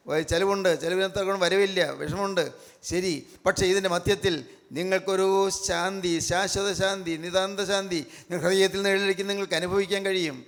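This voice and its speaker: In a big-room sound, a high-voiced preacher with a Malayali accent delivers a sermon, hammering his points through repetition and bursting into praise again and again.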